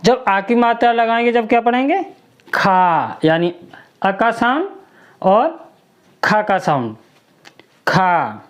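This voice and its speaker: A woman teaching a children's alphabet lesson, slowly sounding out each syllable and asking the listener to repeat it. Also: fairly high pitch, lively intonation.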